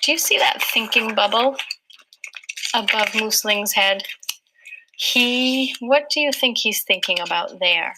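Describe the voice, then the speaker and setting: A woman teacher leading a small-group reading lesson with young children, asking patient, slow questions. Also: fairly high pitch, background noise.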